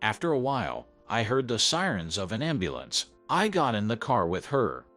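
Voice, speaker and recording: A man narrating a first-person story in an earnest, scripted way. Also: on the low side. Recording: soft background music.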